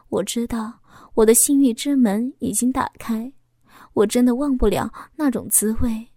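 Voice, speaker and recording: A woman's voice: on the high side, dark tone, dry recording, clean studio sound. A woman narrating a first-person story in an emotional, confessional reading.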